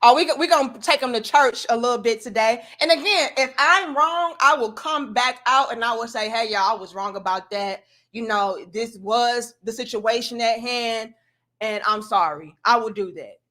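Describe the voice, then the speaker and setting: A woman livestream host with a somewhat high voice gives opinionated commentary. She is sarcastic and doubting, leaning hard on her points. Her wording is colloquial and aimed directly at the viewers. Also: normal speed, sharp tone. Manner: skeptical, sarcastically mimics opposing views; emphatic, punchy delivery with rhetorical questions.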